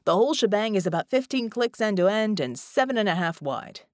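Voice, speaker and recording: A woman's voice: medium pitch, expressive, fairly quick, darkish tone, no echo, studio quality, pitched above the performer's own voice, natural voice. A woman narrator voicing a friendly male stone giant who talks in an easygoing, slangy way, in an audiobook. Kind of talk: audiobook character voice.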